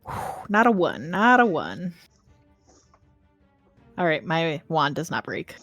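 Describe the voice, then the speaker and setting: A woman's voice: deep voice, sing-song, takes it slowly, fairly bright tone, dry recording, faint music behind. A woman playing a tabletop game, thinking aloud hesitantly as she casually narrates her character's moves.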